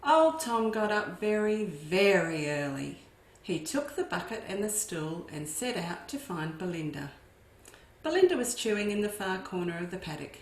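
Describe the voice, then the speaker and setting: A woman with a mid-range, sing-song voice reads a farm story aloud at a moderate pace. She is a children's educator, reading expressively and turning to her young listeners with asides. The room is echoey.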